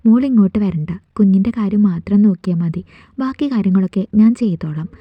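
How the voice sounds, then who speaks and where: A woman's voice: medium pitch, fast, dry recording, natural voice. A woman voicing a kindly, motherly home nurse in her forties in a storybook reading, on a dull, dry recording.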